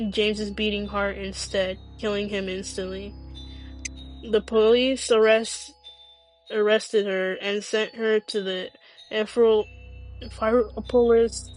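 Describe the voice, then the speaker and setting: A woman reading a scripted story aloud as narrator, halting and often stumbling and repeating phrases. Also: medium pitch, rough recording.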